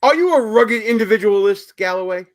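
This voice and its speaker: A male talk show host with a Brooklyn accent chats informally through a live political stream. His voice sits quite high for a man and moves up and down with a lot of animation. He is loose and a little salty in his wording. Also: animated, fairly quick. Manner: chatty, profane, informal.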